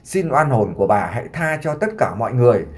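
A man voicing a gravely ill young son who earnestly pleads to make amends before he dies. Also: medium pitch, big pitch swings, fast, natural voice. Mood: pleading.

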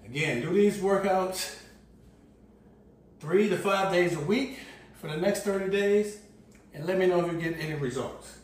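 A man's voice: high voice, unhurried, long pauses. A middle-aged man coaching a workout like an aerobics instructor, giving short, motivating, repeated cues and countdowns. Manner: motivating, repetitive commands while exercising. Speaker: fitness instructor. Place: indoors, hard-floored living room at home. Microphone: camera several meters away. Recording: very echoey room, distant mic, faint noise.

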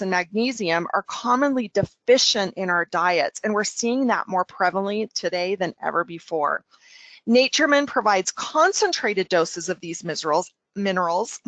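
A woman giving an enthusiastic product presentation, talking with a smile and sometimes getting tongue-tied from excitement. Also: medium pitch, no echo. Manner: smiling as she talks.

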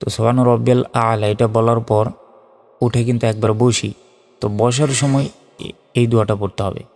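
Low, even-voiced man teaching recitation. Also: big-room sound. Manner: patient, explanatory, drawing out recited phrases slowly. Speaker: religious teacher. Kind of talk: instructional lesson on prayer recitation.

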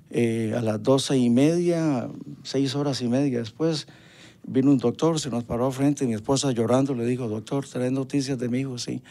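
Mellow-voiced man telling a story. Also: medium pitch. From Costa Rica. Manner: vivid storyteller acting out dialogue, fervently religious. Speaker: interview guest. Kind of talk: personal testimony in a TV interview.

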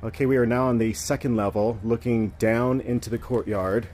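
Here a man with a medium-pitched, a little mellow voice and fairly even intonation narrates a travel vlog at a moderate pace, with a little hiss or hum in the audio. Handheld camera in hand, he tours a ruined fort outdoors, chatting, explaining as he goes, and occasionally laughing.

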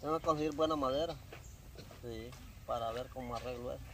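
A man's voice: mid-range voice, fairly quick, fairly bright tone. A man in his forties with a Central American Spanish accent, chatting casually and colloquially outdoors, repeating his phrases for emphasis. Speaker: interviewee, rural cassava seller. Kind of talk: casual chat. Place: outdoors in a dirt yard by a fence. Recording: noisy outdoor rural ambience.

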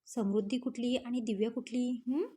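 A woman's voice: fairly high pitch, steady tone, moderate pace, dark tone, natural voice. A woman voicing a teasing young husband. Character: teasing young husband, bossy to his cousin.

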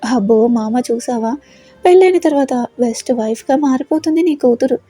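A woman's voice: sits high, moderate pace, mellow, no room sound. A woman voicing a cheeky young woman who teases and mocks her cousin. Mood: teasing. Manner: mocking, teasing.

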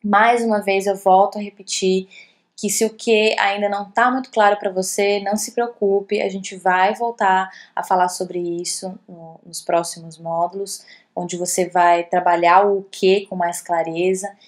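A woman from Brazil walks learners through a course worksheet in a voice-over on a screen recording. She talks loosely and warmly, looping back with restarts and tag questions. Her pitch sits in an ordinary middle range. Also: level tone, unhurried. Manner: conversational, many fillers and restarts. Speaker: course instructor. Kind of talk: casual online lesson over slides.

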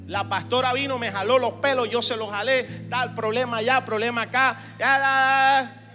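A man pastor preaching to church leaders, joking at times and at times shouting exhortations. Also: very high voice, steady tone, a little fast. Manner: humorous, swings from chatty asides to shouted exhortation. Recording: long hall reverb, faint music.

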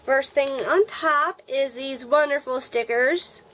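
A middle-aged woman who gushes with excitement and thanks the sender over and over as she unboxes swap gifts in a casual chat. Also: sits high, slow, slight background noise, rough recording. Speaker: nail art vlogger opening a swap package.

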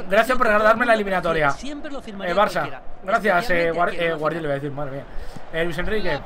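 A young man from giving excitable live commentary while playing a football video game, chatting with viewers. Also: high voice, a little fast, a crowd in the background. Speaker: gaming streamer.

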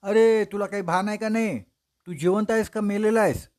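A man's voice: fairly high pitch, lively intonation, normal speed. A man doing a proud, furious king. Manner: scornful, commanding outbursts. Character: angry proud king shouting from a palanquin.

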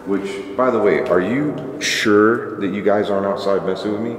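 Male night vlogger, deep register, nervous and hesitant, long reverberant empty interior. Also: crowd noise. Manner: uneasy, halting. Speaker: paranormal explorer and vlogger. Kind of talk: nervous night vlog, casual chat. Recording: echoey empty prison halls, faint noise.

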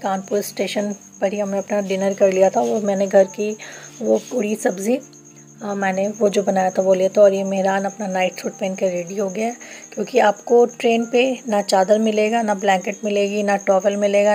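Holding her phone camera as she films, a woman from Bokaro, Jharkhand, India chats her way through a train journey in casual vlog narration. She walks viewers through each step in a mid-range, warm voice with a flat delivery at a moderate pace.

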